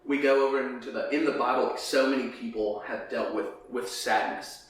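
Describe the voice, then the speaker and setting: A man's voice: mid-range voice, fairly quick. Man, lisp, whistling s, casual faith chat, jokey delivery, heavy room echo, faint noise. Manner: animated, jokey, acts out imagined dialogue. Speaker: podcast host. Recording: echoey room, distant mic, faint noise.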